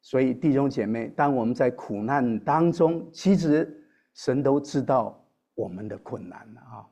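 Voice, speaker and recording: A man preaching a sermon, talking directly to the congregation with questions and a soft tag at the end of his sentences. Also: medium pitch, lively intonation, measured pace, highs cut off. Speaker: pastor.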